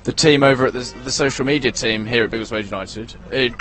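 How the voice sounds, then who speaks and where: A man's voice: mid-range voice, fast, fairly bright tone, faint music behind. A man commentating live on a football match from an outdoor ground. He talks in a chatty, running way and often corrects himself when he gets player names wrong.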